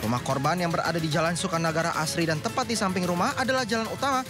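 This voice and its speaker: Guy doing fast tv news voiceover, high voice, music underneath. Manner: brisk, formal narration. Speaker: field reporter. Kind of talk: scripted news voice-over. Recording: voice-over with music bed.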